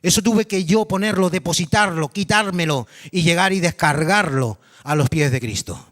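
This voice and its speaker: Male pastor, high voice, animated sermon delivery that quizzes the congregation. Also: normal speed. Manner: animated, dramatic storytelling with repetition; addresses the congregation directly with questions. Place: church congregation.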